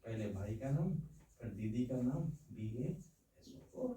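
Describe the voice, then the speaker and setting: A man's voice: mid-range voice, expressive, slow pace, dark tone. A man teaching a science lesson, explaining with homely, playful analogies and checking often that students follow. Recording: echoey room, voice from far off.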